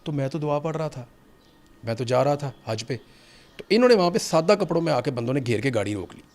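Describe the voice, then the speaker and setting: A man's voice: fairly high pitch, lively intonation, darkish tone. A middle-aged man telling his own story to an interviewer, earnest and vivid, his intensity rising and falling. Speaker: interview guest. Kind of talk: personal account in conversation.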